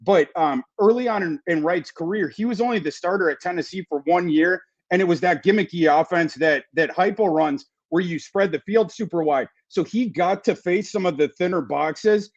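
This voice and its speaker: A man giving fantasy football analysis in a casual podcast chat, talking quickly and restarting his sentences. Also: sits high, dull audio. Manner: fast, repeats words and restarts often.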